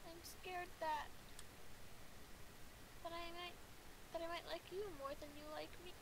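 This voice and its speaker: A woman voicing a gentle, depressed teenage girl who is crying, with halting, pleading speech. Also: very high-pitched, flat delivery. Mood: tearful. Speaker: voice actor in a live fan dub. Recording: hissy home mic, echoey.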